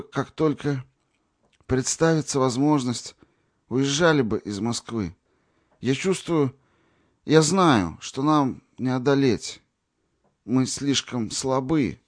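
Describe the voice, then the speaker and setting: A man voicing a wounded, dying young man who speaks hoarsely, slowly, word by word, in an audiobook. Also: a little high, pitched above the performer's own voice, natural voice. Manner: faltering, hoarse, slow.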